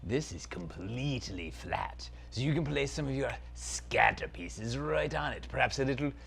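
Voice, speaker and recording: A man playing Zaltar, a gravelly villain prince. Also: medium pitch, expressive, normal speed, a bit bright, pitched above the performer's own voice, heavily acted. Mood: pompous. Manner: theatrical, haughty, sometimes slips into a stage whisper. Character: pompous grand male sorcerer villain prince. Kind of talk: comic product skit.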